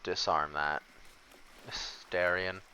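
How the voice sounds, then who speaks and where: A man's voice: sits low, fairly even intonation, slow pace, noisy background. A man giving casual let's play commentary, thinking aloud and reacting expressively. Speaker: gaming streamer.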